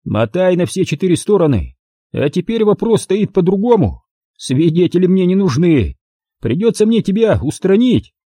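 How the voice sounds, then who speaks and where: A man's voice: sits high, big pitch swings, moderate pace, dark tone, no echo, studio quality, pitched above the performer's own voice. Man voicing a sneering young thug. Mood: threatening. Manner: rough, sneering commands. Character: young male thug, coarse, mocking and menacing.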